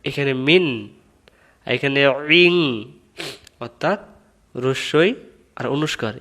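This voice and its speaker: A man teaching the correct pronunciation of a prayer, reciting words slowly and breaking them into syllables. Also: fairly high pitch, sharp tone. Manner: slow, drawn-out recitation of Arabic words, repeated syllable by syllable; patient, instructive explanation. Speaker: religious teacher.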